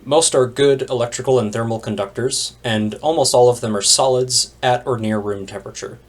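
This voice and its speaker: A man's voice: medium pitch, steady tone, fairly quick. A man giving a recorded chemistry lecture over slides, explaining plainly and adding wry asides. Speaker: chemistry instructor.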